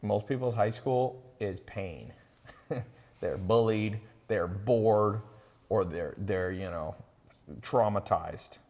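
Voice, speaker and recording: A chatty man with a fairly low voice hosts a live online pitch, talking loosely and bragging a little as he greets viewers by name. His voice hangs in a long reverb. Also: slow pace, a little mellow. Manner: chatty, boastful, reads out viewer names. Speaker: host of a live online sales talk. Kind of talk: casual live-stream pitch.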